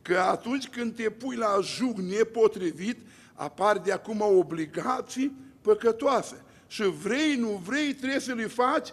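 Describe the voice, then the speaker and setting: High-voiced preaching man, church reverb. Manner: emphatic preaching with repeated lists and rhetorical questions. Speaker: pastor. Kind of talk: sermon.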